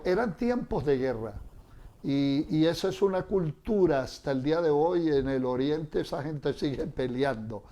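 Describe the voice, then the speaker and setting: Slow, dark-voiced preacher. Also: male voice, a little high. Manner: slow, dramatic retelling with rhetorical questions. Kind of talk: sermon.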